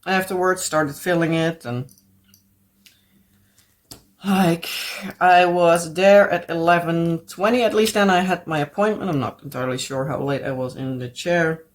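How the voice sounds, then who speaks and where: With a fairly low, unhurried voice, a Dutch woman with a Dutch accent rambles through casual talk while crafting at home for her vlog. She often pauses to find English words and punctuates things with little laughs.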